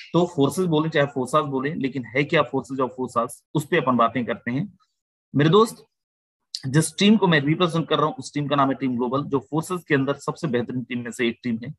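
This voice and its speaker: A man hosting an online video-call webinar, giving a persuasive sales pitch and often calling the listeners "my friend". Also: a bit bright, breathy edge, dry recording, poor audio. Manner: persuasive, addresses listeners as "my friend", mixes English phrases. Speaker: webinar host.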